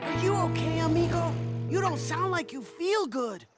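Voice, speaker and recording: A cheery cartoon scoop truck, as a woman voices it, very high and springy in pitch. Music plays clearly underneath. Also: lively intonation, moderate pace. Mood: friendly. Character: friendly scoop truck, helpful and upbeat.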